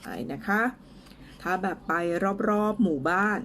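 Slow, careful Thai woman teaching English. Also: mid-range voice, fairly bright tone, slight background noise. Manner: slow, careful pronunciation drills with fillers. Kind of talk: casual language lesson.

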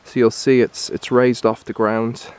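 A man giving a relaxed, explanatory walkthrough of his camp on a wooded hillside, recorded on a handheld camera. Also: mid-range voice, unhurried, smooth. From Ireland. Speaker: bushcraft instructor. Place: hillside woodland outdoors.

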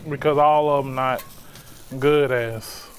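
A man's voice: medium pitch, fairly even intonation, takes it slowly, a little hiss or hum. A man who runs a snack shop, a guest on a TV show, explaining his products in a laid-back way. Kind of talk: casual TV guest talk. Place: TV studio kitchen set.

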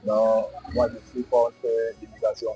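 A man's voice: fairly low pitch, completely flat delivery, measured pace, warm tone, soft background music, rough recording. A young man gives a firm, opinionated interview answer. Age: young adult. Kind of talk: vox pop answer. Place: indoors, small shop. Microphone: lapel.

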